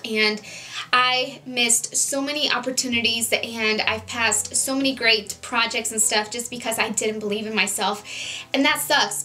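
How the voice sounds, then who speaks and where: Fairly high-pitched and sharp in tone, this young woman in her twenties is a beauty vlogger talking casually from home in Southern California. Her earnest chatter leans heavily on fillers like "like" and "you know."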